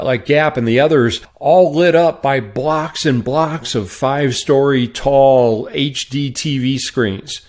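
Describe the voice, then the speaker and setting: A man hosting a solo podcast who tells a wry story in a conversational way and stresses words with jumps in pitch. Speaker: podcast host and sales trainer.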